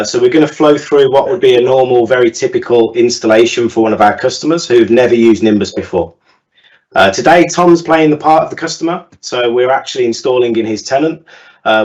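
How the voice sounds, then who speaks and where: A man hosting a webinar, upbeat and presenting with frequent fillers. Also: medium pitch. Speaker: webinar host. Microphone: video call. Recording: lo-fi webinar call audio.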